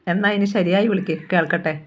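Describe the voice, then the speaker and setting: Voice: medium pitch, steady tone, fast, natural voice. Audiobook figure: teasing, caring young woman friend, coaxing questions; read by the narrator in a near-natural voice. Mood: playful.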